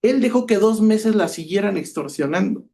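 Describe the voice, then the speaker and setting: A man's voice: sits high, normal speed. A man with a Mexican Spanish accent, a cybersecurity expert giving a talk and telling case stories, acting out the dialogue as he goes. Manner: lively storyteller, acts out quoted dialogue. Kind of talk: conference talk with anecdotes.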